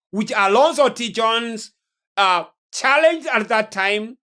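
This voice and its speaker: A preacher who hosts a religious teaching series gives a sermon-like lecture on prophecy, solemn and emphatic, repeating phrases for weight. The voice is mid-range and a bit bright.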